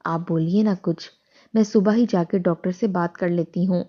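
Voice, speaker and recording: A woman's voice: on the low side, fairly even intonation, highs cut off, natural voice. A woman voicing a weary, pleading wife. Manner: pleading, earnest. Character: worn-out, pleading young wife, weary and ill.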